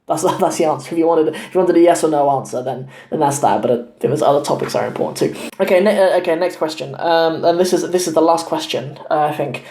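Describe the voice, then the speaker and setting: Young male channel host, halting casual Q&A delivery, warm tone, lapel mic in a reverberant room. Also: fairly high pitch. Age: 20s. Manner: hesitant, many fillers and restarts. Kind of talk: casual Q&A talk to camera. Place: his home in Cornwall.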